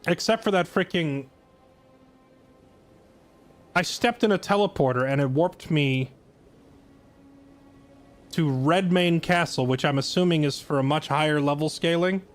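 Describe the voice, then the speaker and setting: A man's voice: fairly high pitch, a little slow, pauses often, faint music behind. A tired man chatting casually on his live stream, sarcastic and self-deprecating.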